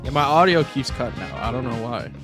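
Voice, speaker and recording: A man's voice: medium pitch, fast talker, music in the background. A man co-commentating over a remote line whose audio keeps cutting out in dropouts, joking about it. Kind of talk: casual esports commentary chat.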